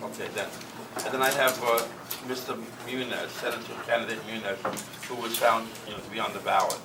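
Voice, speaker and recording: A man's voice: fairly low pitch, fairly even intonation, brisk. A man with a Bronx accent, a lawyer representing candidates, speaking at a public hearing in a rambling, joking, apologetic way. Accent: Bronx New York. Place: hearing room. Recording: distant mic in a noisy room.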